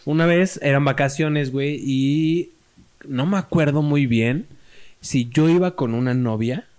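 Young mexican man, high voice, lively slangy storytelling, casual chat. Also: unhurried, clean tone. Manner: animated slangy storyteller, shouts quoted lines. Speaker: podcast co-host.

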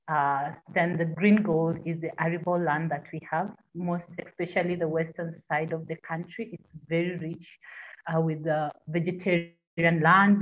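A woman from South Sudan, a feminist activist, speaking as a guest in a podcast interview in an emphatic, expressive way. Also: low-pitched. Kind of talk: conversational interview. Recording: tinny phone-like line.

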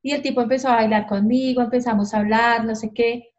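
A woman's voice: fairly high pitch, fairly even intonation, a little fast, a little mellow. A woman telling her stories as a podcast guest, frankly and with animation, acting out the voices she quotes. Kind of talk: candid storytelling. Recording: dull lo-fi sound.

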